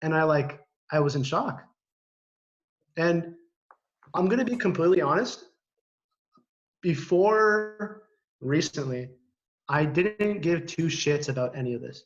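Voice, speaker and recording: Male co-host from Canada, higher register, animated informal storyteller, video-call sound a little muffled. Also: measured pace, long pauses. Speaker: live stream co-host. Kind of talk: casual chat. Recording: slightly dull video-call audio.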